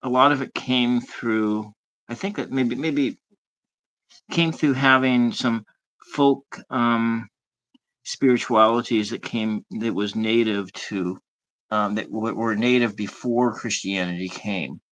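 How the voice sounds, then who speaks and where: A man's voice: medium pitch, slow pace, fairly bright tone, low-quality recording. Hesitant male livestream host. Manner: hesitant, searches for words. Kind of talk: casual livestream chat.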